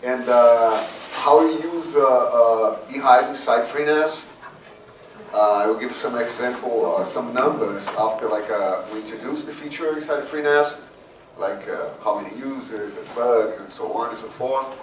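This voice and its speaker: A man from Brazil, giving a technical conference talk in a halting way, often repeating words before going on. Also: mid-range voice. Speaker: conference speaker. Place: conference room. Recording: roomy hall, voice from a distance, faint noise.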